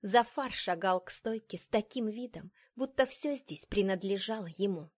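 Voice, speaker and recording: A woman narrates a first-person story with dramatic expression. Her voice sits at a medium pitch. The recording is dry and close. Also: moderate pace, darkish tone, dry recording. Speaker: audiobook narrator.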